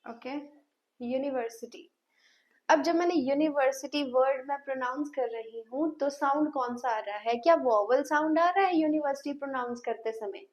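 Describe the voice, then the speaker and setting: A woman's voice: high voice, normal speed, few pauses. A woman teaching an English grammar lesson, asking her class questions and repeating sounds patiently. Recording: dull lo-fi sound.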